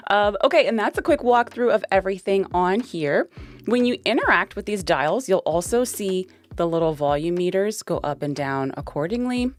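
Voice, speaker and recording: A woman's voice: mid-range voice, lively intonation, moderate pace. A young woman giving a casual, chatty product walkthrough into a dynamic podcast mic, with plenty of fillers. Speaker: tech reviewer.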